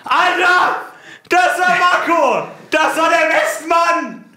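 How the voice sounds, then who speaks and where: A man gaming live, excitable and bursting into shouts as he celebrates with his teammate. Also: extremely high pitch, takes it slowly, roomy sound. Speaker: gamer celebrating a win.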